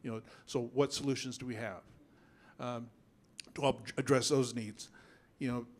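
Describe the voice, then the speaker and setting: A man's voice: mid-range voice, steady tone. Earnest man speaking at a board meeting. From Yakama Reservation, Washington. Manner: halting, earnest, clears throat often. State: nervous, voice shaking. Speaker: school board member. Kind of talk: public meeting remarks. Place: school board meeting room. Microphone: handheld microphone.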